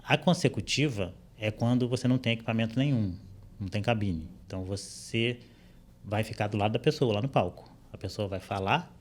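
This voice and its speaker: A man speaking Brazilian Portuguese, a guest interpreter on a podcast, explaining things in a relaxed way with frequent fillers, recorded on a studio microphone. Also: fairly low pitch, fairly quick. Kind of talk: casual interview chat. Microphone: studio microphone with headphones.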